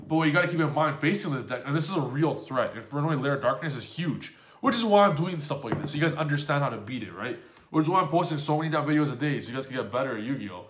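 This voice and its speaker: An excitable man talks through a card game match he just played, swearing freely and acting out his own reactions. His voice sits at an everyday pitch. The room around him rings with echo. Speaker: gaming channel host. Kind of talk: casual match commentary.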